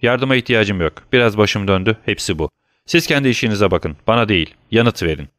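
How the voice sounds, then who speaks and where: A man's voice: fairly low pitch, animated, fairly quick, a bit bright, dry recording, studio quality. A man voicing a shaken, secretive middle-aged male prosecutor who speaks curtly and commandingly, then turns persuasive. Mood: stern.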